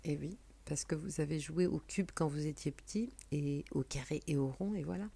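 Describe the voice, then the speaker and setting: A woman's voice: low voice, normal speed, creaky, dark tone, slightly rough. A woman giving a casual, meandering tarot card reading. She chats along and sometimes drops into a whisper.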